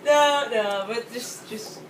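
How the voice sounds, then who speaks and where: A young woman co-hosting a casual rant, talking in a quick, excitable, exaggerated way. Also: a little high. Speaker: co-host. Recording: roomy, distant, noisy home recording.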